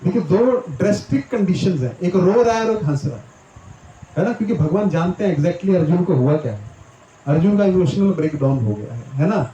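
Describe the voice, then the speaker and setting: A man with a high, mellow voice leads a devotional scripture class, chanting verses slowly before explaining them in chatty Hindi. He keeps turning to his listeners with questions. The room rings with echo. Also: animated, highs cut off. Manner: asks the audience questions, acts out little voices. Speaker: Gita teacher. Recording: roomy echo, faint hiss.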